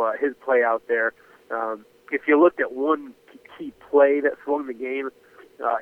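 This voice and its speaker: A male sportswriter with a nasal, blocked-sinus voice, breaking down a football game play by play over the phone. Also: medium pitch. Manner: detailed, recounts plays with many uhs. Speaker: sportswriter guest. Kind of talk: casual sports analysis. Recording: tinny phone line.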